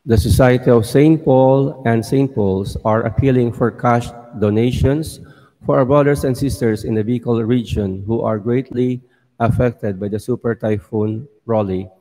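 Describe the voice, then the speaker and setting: A middle-aged male priest reads solemnly at a church lectern. His voice is mellow and measured. Long reverberation gives it a cathedral echo. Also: medium pitch. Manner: measured, formal. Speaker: priest celebrant. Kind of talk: solemn liturgical reading and prayer. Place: large church sanctuary, indoors. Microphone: gooseneck lectern microphone.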